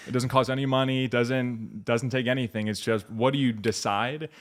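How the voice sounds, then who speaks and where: A man's voice: mid-range voice, steady tone, moderate pace. An American man speaking as a coach and podcast guest, giving earnest, conversational motivational talk and acting out little quotes. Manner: earnest, illustrates points with imagined quotes.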